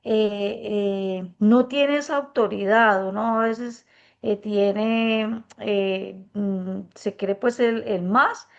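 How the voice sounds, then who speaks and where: Earnest woman, soft and hesitant. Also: medium pitch, steady tone, extremely slow, vocal fry. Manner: earnest, reflective, many hesitant fillers; speaks softly and gently on purpose. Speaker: workshop participant. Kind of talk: spontaneous testimony. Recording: muffled dull recording.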